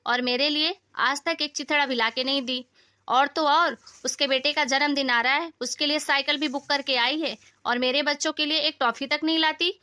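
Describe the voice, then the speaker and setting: A woman with a high-sitting voice plays a resentful, outspoken elder daughter-in-law who complains confrontationally in an animated family story.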